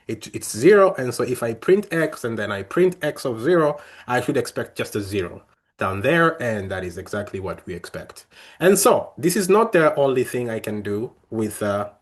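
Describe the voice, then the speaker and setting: A young man leading a coding workshop, explaining each step in a friendly way with many fillers and restarts. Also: medium pitch. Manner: friendly, talks through steps with frequent fillers and restarts. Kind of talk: live coding tutorial.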